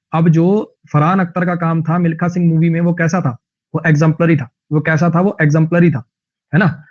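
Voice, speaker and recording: A male teacher with a Haryanvi-tinged Hindi accent, giving an online vocabulary lesson in a chatty, jokey way with lively anecdotes. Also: fairly high pitch, lo-fi sound.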